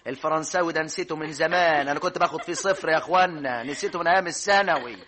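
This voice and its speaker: Fast, bright, wisecracking bachelor, radio comedy. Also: male voice, fairly high pitch. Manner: quick, joking and grumbling. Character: blunt, teasing bachelor brother seeking a bride. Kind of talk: Egyptian radio comedy drama acting.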